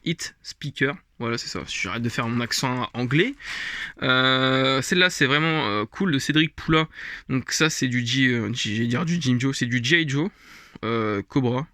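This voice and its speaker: A man talks through his comic collection in a loose, rambling way, dotting his speech with fillers and small laughs. His voice sits at an ordinary pitch but sounds bright and a little tense. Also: moderate pace, no echo, studio quality. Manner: rambling, chuckling, many fillers. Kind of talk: casual show-and-tell vlog.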